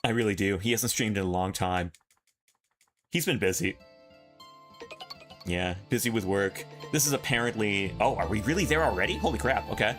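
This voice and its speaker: A young man streaming a game, chatting casually with his chat, excitable and quick to laugh, often restarting his sentences. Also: fairly low pitch. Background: faint game music.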